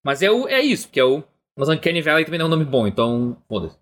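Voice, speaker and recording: A man with a Brazilian Portuguese accent, co-hosting a live-streamed chat show in an animated, rambling, joking way, full of slang. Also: on the high side, fast. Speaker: podcast co-host.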